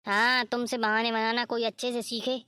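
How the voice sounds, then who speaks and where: A woman's voice: a little high, level tone, normal speed, bright, forceful tone, smooth, dry recording, clean studio sound. A woman voicing a scolding, complaining older mother-in-law in a cartoon story.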